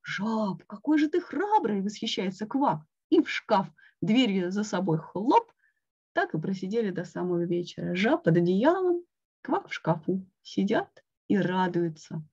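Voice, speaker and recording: A woman reading a picture book aloud to children with expressive, slow storytelling. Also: medium pitch, breathy edge. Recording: dull lo-fi online call.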